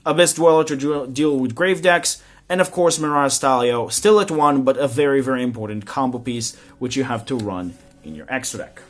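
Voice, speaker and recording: A young man casually walking viewers through a card game deck, rambling with lots of "like" and "uh" fillers and sudden jumps in pitch and loudness. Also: normal speed. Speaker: card game content creator. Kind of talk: casual explanatory walkthrough.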